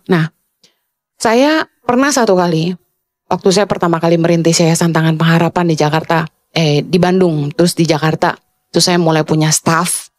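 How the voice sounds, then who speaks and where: A woman pastor preaching a sermon, speaking fast in a high register that can sound angry, and slipping English phrases into her talk.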